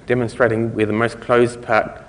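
A middle-aged man giving an informal conference lecture, explaining things in a halting way with trailing thoughts. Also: medium pitch, flat delivery. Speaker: conference speaker. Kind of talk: technical lecture to an audience. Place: conference lecture room, indoors. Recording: reverberant hall recording.

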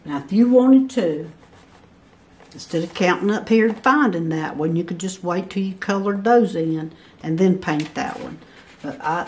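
Over slight background noise, a woman with a lowish, darkish voice gives an indoor tutorial at a table, a paper pattern in front of her. She patiently counts each block aloud as she explains a barn quilt pattern step by step.

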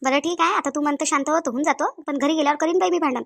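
A woman's voice: high-pitched, very fast, creaky, fairly bright tone, no room sound. A woman voicing a stubborn, quarrelsome middle-aged village mother in a cartoon, with a Varhadi Marathi accent, defiant and repeating herself. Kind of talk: cartoon voice acting.

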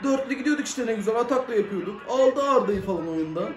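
A man giving live reaction commentary on a football match, excitable, swinging between shouting and grumbling, in casual slang. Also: high-pitched, quick pace, a little hiss or hum. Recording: echoey room.

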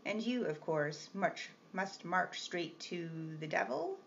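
Woman reading as a gruff, teasing gentleman. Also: high-pitched, animated, slow pace, exaggerated voice. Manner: gruff, mocking, commanding. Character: brusque, teasing wealthy gentleman employer. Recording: slightly muffled with faint hiss.

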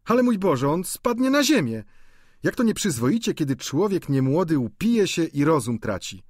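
Man doing a shrill gossiping old landlady. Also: sing-song, normal speed, a little mellow, no echo, studio quality. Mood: scolding. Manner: exclaiming, chattering, shrill. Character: fussy gossiping older widow landlady.

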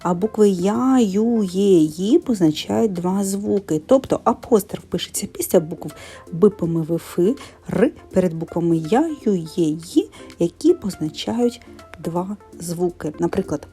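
A woman teaching in a methodical way, pronouncing sounds and syllables slowly and carefully. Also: on the low side, lively intonation, mellow, soft background music. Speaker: primary school teacher.

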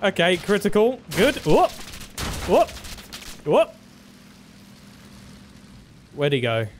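A man's voice: sits high, wildly swooping pitch, slow pace, slight background noise. A man commentating his own flight-combat gameplay, laughing often and cracking up at his wins. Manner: giggly, breaks into frequent laughter. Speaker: gaming commentator.

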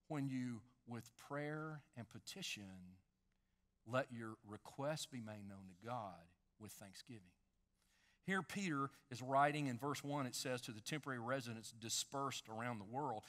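A man in his fifties preaching a sermon on a large dark church stage, animated, swinging between loud emphasis and hushed lines. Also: mid-range voice. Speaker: pastor.

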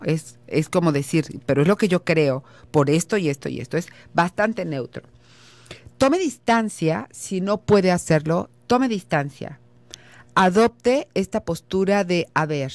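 A woman's voice: on the low side, a little mellow, no echo. A middle-aged Mexican woman hosting a radio advice show, explaining patiently and speaking straight to the listener. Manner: explanatory, addresses listener directly, acts out example lines.

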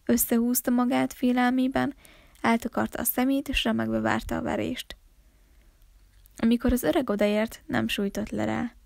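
Woman, storybook reading, calm, expressive, gravelly, dry close sound. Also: a little high, no room sound. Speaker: library storyteller. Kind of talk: reading a children's story aloud.

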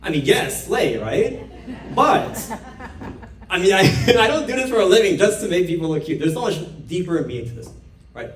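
A young Korean man gives a playful talk on a dark theater stage, asking the live audience questions. His high voice is sing-song and at a normal speed, with slight background noise. The recording sounds roomy and distant, as if from far off on the stage.

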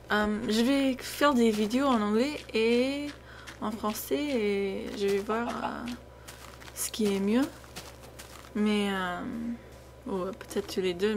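Over the sounds of a video game, a young adult American woman with a mid-range voice chats casually and hesitantly as she plays, her sentences frequently fading out. She is a native English speaker who makes gaming videos, recorded at home with plenty of background noise.

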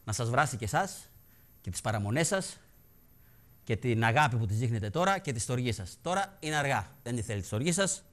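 A man's voice: medium pitch, expressive. A man hosting a TV show, delivering satirical political commentary in a mocking, theatrical way. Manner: mocking, theatrical, sing-song teasing. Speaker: TV show host.

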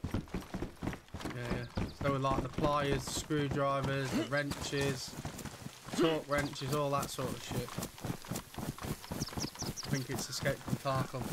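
A man's voice: mid-range voice, takes it slowly, pauses often, very noisy. A man streaming a survival game, chatting casually with friends, swearing a lot and yelping in surprise. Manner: excitable, swears a lot, loud yelps of surprise. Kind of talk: casual gaming chat.

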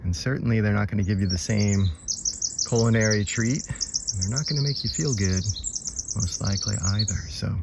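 Gravelly low-voiced forager outdoors. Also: male voice, moderate pace, heavy background noise. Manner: relaxed, enthusiastic show-and-tell. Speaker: foraging vlogger. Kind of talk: outdoor walk-and-talk narration. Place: forest outdoors.

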